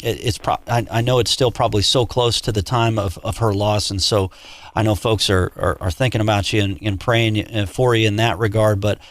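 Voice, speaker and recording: A male radio talk show host interviews a caller on air, his speech halting and full of fillers and restarts. His voice sounds dry and close, with no room behind it. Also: on the low side, steady tone, dry recording. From Montana.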